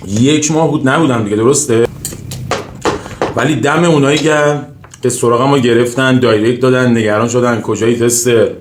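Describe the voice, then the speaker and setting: In a reverberant room with slight background noise, a man with an Iranian Persian accent hosts a mukbang. His voice sits at an average male pitch. He eats while chatting informally to viewers, with savoring hums between phrases and dishes clinking around him. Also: steady tone. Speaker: mukbang host. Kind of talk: casual mukbang eating chat to viewers. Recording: roomy echo, faint noise, clinking dishes.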